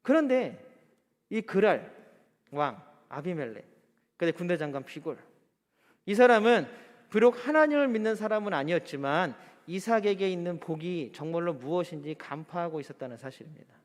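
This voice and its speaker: A man preaches a sermon in church with a fairly high voice. He poses rhetorical questions and slips into quoted speech, and the recording carries a long hall reverb. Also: lively intonation, moderate pace. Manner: acts out quoted speech in a chatty voice. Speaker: pastor.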